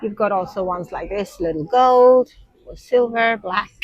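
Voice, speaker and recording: A Sri Lankan nursery teacher in her thirties vlogs casually to camera from a busy airport's shops and seating area. Her medium-pitched voice is a little slow, chatty and explanatory, with frequent ums. The recording is muffled with no room sound.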